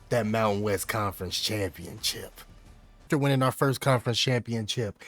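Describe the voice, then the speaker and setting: A young man narrates his football video game as he plays it, muttering play calls and worrying aloud. His talk is slow and drawn out, with mid-range pitch. When a play breaks open he jumps to sudden excited yelling. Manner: excitable, talks to himself, bursts into yelling on big plays. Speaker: gaming YouTuber. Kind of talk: live gameplay commentary.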